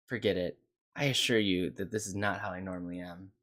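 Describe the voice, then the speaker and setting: A man's voice: sits low, steady tone, a little fast, fairly bright tone. A man reading aloud the lines of a short-tempered young female technical consultant, snappish and complaining. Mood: grumpy. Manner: snappish, complaining, then apologetic. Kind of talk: reading game dialogue aloud.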